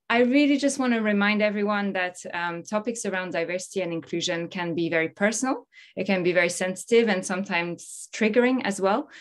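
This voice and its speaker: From a home office, a thirty-something woman hosts an online talk show over a video call, addressing her laptop webcam. She has a mid-range voice and a cheerful, welcoming manner.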